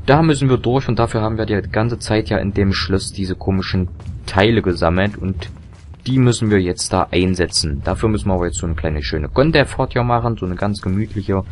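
A young man with a very deep, slightly hoarse, somewhat mellow voice offers casual commentary while playing a video game for a let's play. He rambles and corrects himself, filling gaps with ums and chuckles, and a faint hiss sits behind his desk mic.

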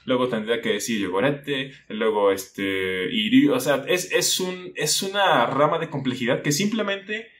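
A young man explains language points casually on his YouTube channel, speaking in a medium-pitched, fairly bright voice at an unhurried pace with hardly any pauses. He talks to the viewer conversationally, asks them many questions, and takes on the role of a teacher.

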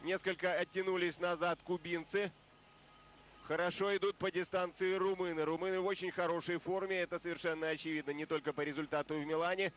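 A male sports commentator giving live race commentary, measured and explanatory at first and pressing harder as the boats near the finish. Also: high-pitched, level tone, fairly bright tone.

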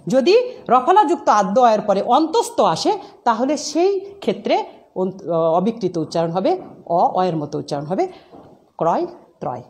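A woman's voice: on the high side, big pitch swings, normal speed. A woman teacher giving an online class, explaining rules step by step, repeating examples and asking questions.

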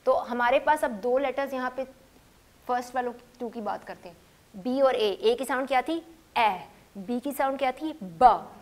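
A woman's voice: sits high, moderate pace. A woman teaching English phonics to a class, patiently stressing each letter sound. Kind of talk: classroom lesson.

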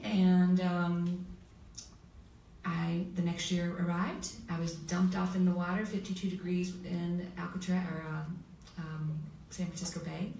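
A woman with a fairly low voice tells a heartfelt story at a panel, pausing often and getting emotional. She is heard from far off in an echoey hall, with faint noise behind. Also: creaky, darkish tone. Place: school hall with audience. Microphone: table mic heard from far camera.

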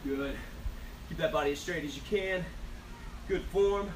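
A man's voice: a little high, a little slow. A man in his thirties coaching like an aerobics instructor while exercising, with short urging cues and countdowns, recorded on an outdoor porch by a distant camera. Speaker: fitness instructor. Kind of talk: aerobics instructor leading a timed workout. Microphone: camera several metres away. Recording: echoey, noisy, distant camera microphone outdoors.

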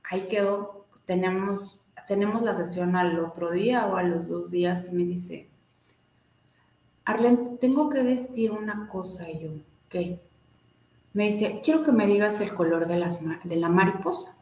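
A woman, telling a personal story in a casual, animated way and acting out the voices of the people she quotes. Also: fairly low pitch, moderate pace, roomy sound. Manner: animated, acts out quoted dialogue. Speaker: guest, student of a healing method.

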